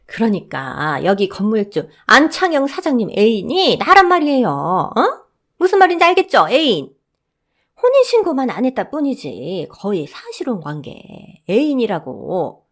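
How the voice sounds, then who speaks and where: A woman voicing a brash middle-aged mother-in-law who shouts haughtily in a shrill voice. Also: wildly swooping pitch, moderate pace. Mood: indignant.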